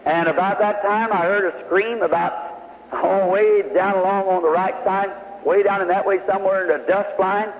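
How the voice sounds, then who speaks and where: A man's voice: high voice, fairly even intonation, normal speed. Male preacher, folksy storyteller, long reverb of a big hall, faint hiss under it. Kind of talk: sermon testimony storytelling. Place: large hall before a congregation. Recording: tinny old hall recording with faint hiss.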